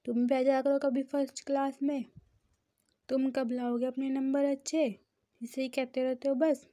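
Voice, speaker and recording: A woman's voice: sits high, flat delivery, normal speed, lightly acted. A woman doing a stern scolding mother. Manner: sharp, nagging. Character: strict scolding middle-aged mother.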